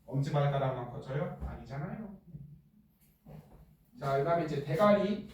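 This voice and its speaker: Joking teacher in an echoey classroom. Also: male voice, fairly high pitch, animated, darkish tone, distant mic, slight background noise. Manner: joking, blunt, quizzes students with quick questions. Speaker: middle school science teacher. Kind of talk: classroom lecture.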